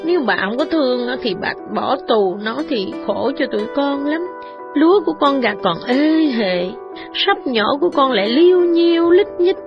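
A woman's voice: high voice, expressive, moderate pace, music in the background, voice pushed up. Woman doing a timid pleading poor man. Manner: begging, deferential. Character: poor humble male laborer, timid, pleading. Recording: dull lo-fi recording.

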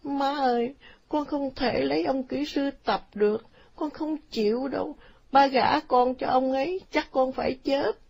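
Reader doing a weepy pleading daughter, higher voice, audiobook story. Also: female voice, a little slow, creaky, darkish tone, highs cut off. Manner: tearful, pleading. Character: young woman, distressed daughter.

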